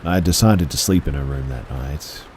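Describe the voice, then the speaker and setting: A man reading first-person horror stories aloud in a measured, hushed storytelling manner. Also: very deep voice, slight background noise, rough recording. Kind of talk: scripted horror narration.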